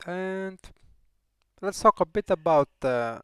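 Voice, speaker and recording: A man from Greece, coaching a player in a friendly, unhurried way with pauses and fillers. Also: high voice, animated, a bit bright, smooth, dry recording, clean studio sound. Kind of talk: casual coaching chat.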